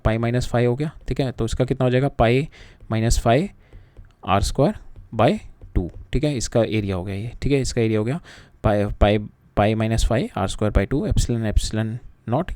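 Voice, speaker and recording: A man's voice: medium pitch, mellow, smooth, no echo. A man teaching physics, working through problems while switching between Hindi and English, with frequent fillers and repeated words. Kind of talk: lecture solving exam problems.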